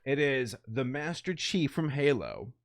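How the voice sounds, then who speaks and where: Laughing, excitable man co-hosting a podcast. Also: medium pitch, measured pace. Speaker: podcast co-host. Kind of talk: casual chat. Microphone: webcam and desk microphone.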